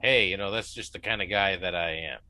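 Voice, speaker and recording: A man playing a tabletop game, speaking haltingly with many fillers. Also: deep voice, sharp tone, no room sound. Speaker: player. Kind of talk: tabletop role-play banter.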